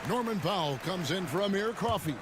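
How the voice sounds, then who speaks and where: A man calling basketball play by play in a video game, with brisk, rhythmic calls. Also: high-pitched, animated, crowd noise. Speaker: play-by-play announcer. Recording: loud game noise underneath.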